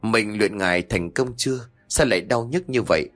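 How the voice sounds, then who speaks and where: A man voicing a scheming old sorcerer who talks in a gruff, demanding way. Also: on the low side, normal speed, a bit bright, soft background music, close to an everyday voice. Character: scheming old male sorcerer, greedy for revenge.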